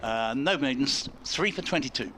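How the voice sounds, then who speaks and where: A man's voice: medium pitch, animated, normal speed, pushed and bright, a little hiss or hum. A man commentating on cricket ball by ball in wordy, rather formal turns of phrase.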